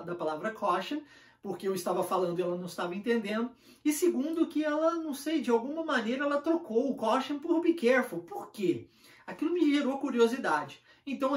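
Brazilian man telling a lesson story. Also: high voice. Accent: Brazilian Portuguese. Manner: storytelling, animated, acts out his quotes. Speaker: English teacher. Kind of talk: casual anecdotal lesson. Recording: echoey room, mic at a distance.

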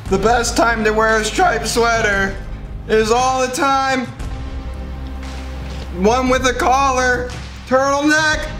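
A young man reciting haltingly in a strained way, his mouth burning from spicy food during a food challenge. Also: extremely high pitch, fairly even intonation, pushed and bright, faint music behind. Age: young adult. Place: indoor dining room, camera across table.

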